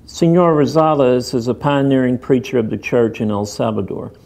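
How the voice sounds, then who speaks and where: A man's voice: medium pitch, normal speed, creaky, a little mellow. A man narrating a church mission documentary in a plain, informative way.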